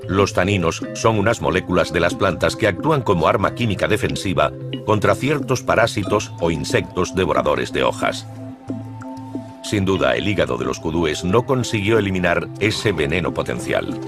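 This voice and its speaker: A man narrating a nature documentary in a scripted, measured, suspenseful storytelling manner. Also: low-pitched, animated, over music.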